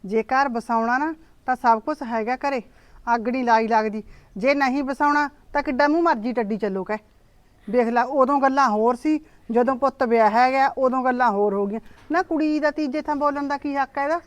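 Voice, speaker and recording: A woman's voice: high voice, a little fast, no room sound, lightly acted. A woman with a Punjabi accent playing a firm, scolding older village aunt who comforts her niece in a short drama. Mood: stern. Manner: scolding, reassuring.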